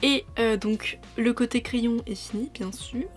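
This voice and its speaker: A woman's voice: on the high side, unhurried, faint music behind. A woman chatting casually to camera as a beauty vlogger, rambling with frequent fillers. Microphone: new proper microphone.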